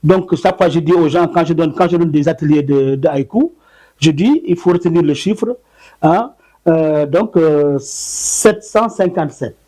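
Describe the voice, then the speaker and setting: A man with a fairly high voice answers interview questions about his poetry. He hesitates a lot, repeats words and fills pauses. His delivery is conversational and explanatory. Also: dark tone, poor audio. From Senegal. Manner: hesitant, many fillers and repeated words, counts syllables aloud. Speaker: poet, interview guest.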